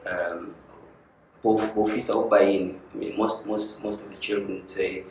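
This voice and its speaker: A man interviewing a guest, asking halting questions. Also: sits low, level tone, a little mellow, heavy reverb, a little hiss or hum, poor audio. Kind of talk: casual interview.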